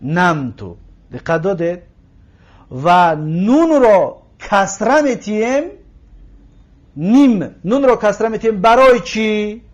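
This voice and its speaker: A man teaching an Arabic grammar lesson in Persian, explaining slowly, repeating words and checking that listeners follow. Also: sits high, big pitch swings. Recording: dull lo-fi recording.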